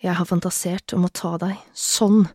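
A woman reading as a hoarse, murmuring man. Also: lowish voice, level tone, warm tone, dry recording, studio quality. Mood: husky urgent. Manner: muttered, urgent half-whisper. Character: intense adult man, a lover speaking low.

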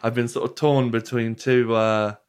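A man's voice: mid-range voice, flat delivery, moderate pace, clean tone. A British man talking casually and conversationally as a podcast host.

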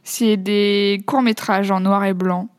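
A woman's voice: mid-range voice, fairly even intonation, slow, clean tone. Giggly, hesitant woman guest. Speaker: guest, web series creator. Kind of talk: casual chat.

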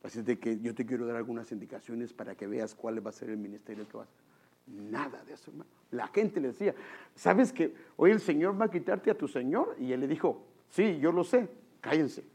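Man, preacher, husky gravelly voice, lively pitch swings. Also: a little fast. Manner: animated, addresses the congregation as brother. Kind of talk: sermon with storytelling.

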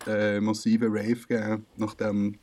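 A young man with a Swiss German accent, chatting casually in a slangy, animated way. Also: on the low side, a little slow. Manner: animated, slangy storytelling with laughs. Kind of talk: casual chat.

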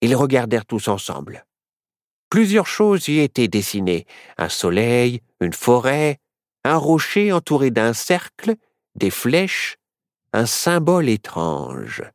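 A man narrating a children's storybook in an expressive, measured way. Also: medium pitch, no room sound, clean studio sound. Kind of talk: storybook reading.

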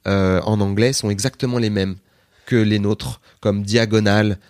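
A man's voice: lowish voice, normal speed, smooth, no echo, clean studio sound. A man guest, a comedian, telling a long story in a chatty, digressive way in a casual interview, quoting other people as he goes. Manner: chatty, digressive, animated retelling with quoted voices.

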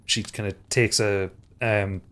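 A man's voice: fairly low pitch, little pitch movement, slow, a bit bright, slight background noise. A man narrating as game master of a tabletop game, loose and full of fillers and restarts.

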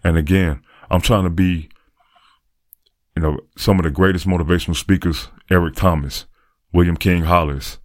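A man's voice: low voice, fairly even intonation, normal speed, no room sound, studio quality. A man talking through a reflective, earnest podcast monologue, repeating phrases for emphasis. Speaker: podcaster and aspiring motivational speaker.

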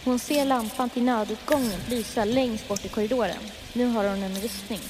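A woman improvising a horror story, narrating scenes in a steady, descriptive way. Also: on the high side, big-room sound, background noise.

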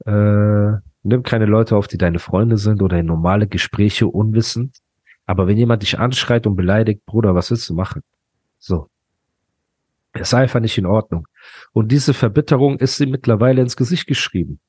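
A man's voice: fairly low pitch, normal speed, a little mellow, slightly rough, no room sound, clean studio sound. A man hosting a podcast, ranting heatedly in casual slangy talk. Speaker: podcast host.

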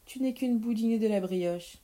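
A woman plays a theatrical, spiteful storybook witch, squeaky, hurling insults with a mellow, dark tone. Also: moderate pace, lightly acted. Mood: insulting. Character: two squabbling old witches, nasty and boastful. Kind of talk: storybook reading for children.

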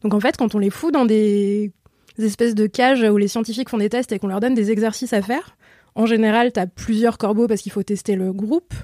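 A woman co-hosting a podcast, telling anecdotes in a lively, slangy way. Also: medium pitch, a little fast, no room sound, studio quality.

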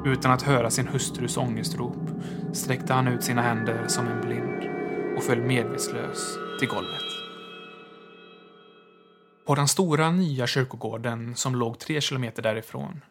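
A man narrating a horror story in a measured, hushed manner. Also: mid-range voice.

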